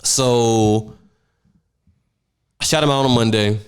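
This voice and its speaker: A man's voice: medium pitch, slow pace, clear, resonant tone. A young man, a radio DJ, casually telling a story on a podcast with a lot of swearing. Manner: animated, profane, acts out voices in his stories. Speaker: radio DJ and guest.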